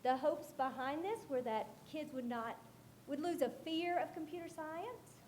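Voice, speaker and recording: With a little hiss or hum in the background, a woman school librarian makes a presentation to a board meeting. Her voice sits high and carries loudly, and she speaks at a measured pace with an earnest, explanatory manner.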